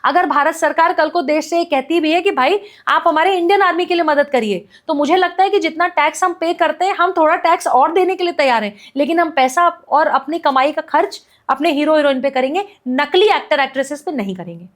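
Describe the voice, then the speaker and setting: A woman activist talking as a guest on a podcast, her voice pitched very high. She argues with heated conviction, piling up repeated phrases and rhetorical questions. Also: a little fast, hardly any pauses. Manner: forceful, repetitive rhetorical ranting. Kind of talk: impassioned podcast commentary.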